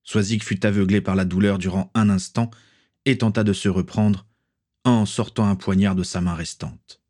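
A man narrating a fantasy story aloud in a steady, measured way. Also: on the low side. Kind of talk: audiobook narration.

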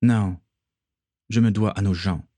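A man's voice: fairly low pitch, steady tone, dark tone, dry recording. A man playing a remorseful young brother. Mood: earnest. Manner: slow, deliberate.

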